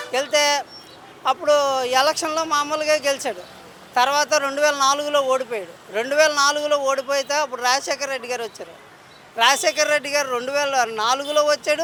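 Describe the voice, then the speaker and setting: Man, very high voice, sharp and bright, argumentative street interview, faint traffic noise behind. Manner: angry, argumentative, quotes others mockingly. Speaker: interviewee, member of the public.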